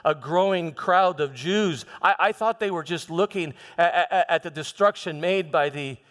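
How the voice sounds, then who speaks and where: A man's voice: on the high side, a bit bright, natural voice. A man playing a troubled Roman governor in a theatrical monologue, stammering and defensive as he justifies himself. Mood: uneasy recounting. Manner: halting, stammering, self-justifying, emphatic. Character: troubled, defensive male Roman governor Pontius Pilate confessing his past. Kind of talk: theatrical church monologue, first-person dramatization. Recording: long reverberant echo of a hall.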